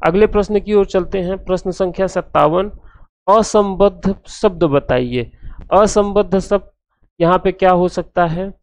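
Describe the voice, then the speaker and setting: A man's voice: high voice, measured pace. A man tutoring for an art teaching exam, explaining each answer steadily and restating every point as he walks through the options.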